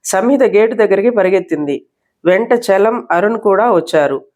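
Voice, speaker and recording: A woman storyteller reading a novel aloud with steady, expressive narration. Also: mid-range voice, moderate pace. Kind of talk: scripted narration.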